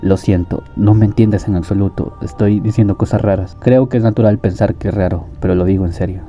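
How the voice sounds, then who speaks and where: A man reading the lines of a fretful, emotional young man who talks in a quick, agitated way. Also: lowish voice, fairly even intonation, mellow, faint music behind, close to an everyday voice. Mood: earnest. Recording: dull lo-fi audio.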